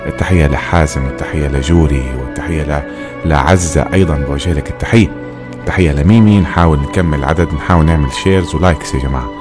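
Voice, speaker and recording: A man's voice: very deep voice, quick pace. A man with a Levantine Arabic accent hosting a casual live stream, repeating himself and addressing viewers directly. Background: music.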